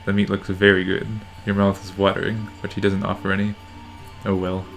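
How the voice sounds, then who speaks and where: A narrator reading a visual novel game aloud in a deadpan way. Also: low voice, fairly quick, vocal fry, faint music behind. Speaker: narrator in a let's play.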